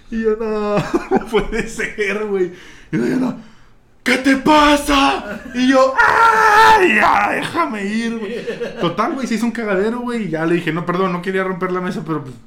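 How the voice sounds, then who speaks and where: A young man with a Mexican Spanish accent recounts a story to his friends, swearing freely and acting out the scenes. His voice sits a little high for a man, and he keeps a loose, chatty delivery throughout. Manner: vulgar slang-heavy, animated retelling with laughs. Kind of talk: casual storytelling among friends.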